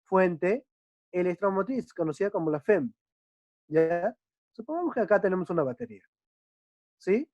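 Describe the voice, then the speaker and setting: A male chemistry teacher explaining a lesson patiently, often checking understanding with quick tag questions. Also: high voice, lively intonation, no echo. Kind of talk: online class explanation. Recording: dull dry lo-fi recording.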